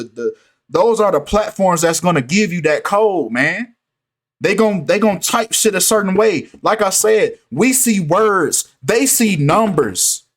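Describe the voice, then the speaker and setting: Fired-up guy with a higher voice, keeps pressing "right?" at you. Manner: animated, insistent, repeats "right?" and "come on, man". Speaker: commentator. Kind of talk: casual commentary video.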